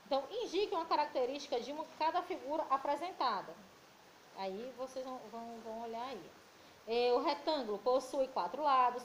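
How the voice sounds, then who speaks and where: A woman with a Brazilian Portuguese accent, a primary school teacher giving a recorded remote lesson to children, affectionate and patient, reading word lists slowly. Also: high-pitched, a little hiss or hum, rough recording.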